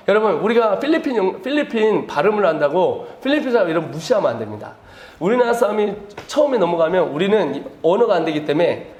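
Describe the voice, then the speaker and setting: A male missionary giving a lively, chatty lecture to teachers and laughing at his own jokes. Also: high-pitched. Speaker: missionary speaker at a teachers' seminar. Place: indoor seminar room. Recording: echoey lecture hall.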